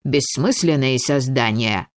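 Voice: mid-range voice, takes it slowly, lightly acted. A woman doing a fussy old wizard. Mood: lecturing.

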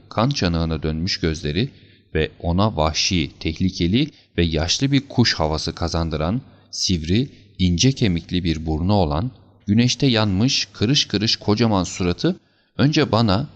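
A man narrating a classic story for an audiobook in a steady, measured way. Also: low-pitched, lo-fi sound.

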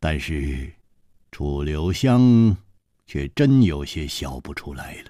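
A man's voice: a bass voice, slow pace, no echo, studio quality. A man reading a martial-arts novel aloud in radio storytelling style, acting out every character. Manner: expressive, acting out many characters. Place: studio. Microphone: studio mic.

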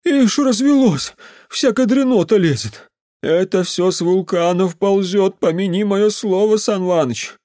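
A man voicing a drunk, tearful old village man who wails in a hoarse, high voice. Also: measured pace, warm tone, no echo, clean studio sound. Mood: wailing. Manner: wailing, tearful rustic speech.

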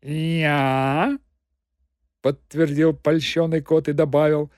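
A man narrating an audiobook in a measured way, acting out each character. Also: mid-range voice, darkish tone, no echo, studio quality. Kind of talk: scripted narration.

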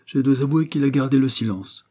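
A man voicing a gentle, tearful elderly noblewoman and grandmother in an audiobook, speaking with soft, earnest pleading. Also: mid-range voice, a little fast, pitched above the performer's own voice, close to an everyday voice. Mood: warm, insistent.

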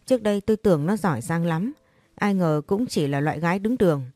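Woman doing gossiping neighbors, mocking, low, dry close sound. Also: animated, fast talker, mellow, no echo, close to an everyday voice.

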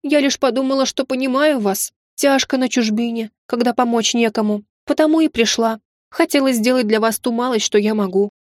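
A woman's voice: a little high, a little fast, no room sound, studio quality, close to an everyday voice. A woman reading an audiobook voices a sly, tearful middle-aged maid who speaks in a folksy, old-fashioned, plaintive way. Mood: pleading.

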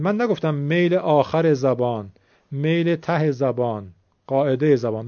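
A man's voice: a little high, warm tone, dry recording. A man with an Iranian Persian accent teaching tajweed, patiently explaining and repeating key points. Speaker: Quran recitation teacher. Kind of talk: tajweed lesson. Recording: dull lo-fi recording.

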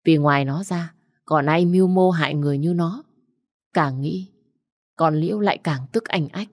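A woman's voice: deep voice, moderate pace, dry recording, studio quality. A woman narrating a family drama story steadily. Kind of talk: story narration with acted dialogue.

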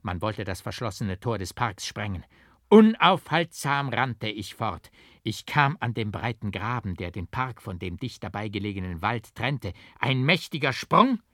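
A man reading a dark old tale aloud as a narrator, with strong stresses and a firm rhythm. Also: fairly low pitch, measured pace, dry recording, clean studio sound. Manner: expressive, strongly rhythmic and emphatic. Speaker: audiobook reader. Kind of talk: dramatic literary reading. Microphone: close studio mic, dry.

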